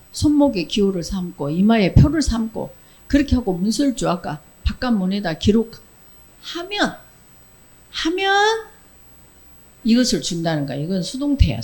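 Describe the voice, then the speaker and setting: Woman, Sunday school preacher, lively, question-and-answer, acts out quotes, church. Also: mid-range voice, moderate pace, poor audio. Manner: lively, asks the children questions and answers them herself; acts out short quoted lines in character voices. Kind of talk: children's sermon.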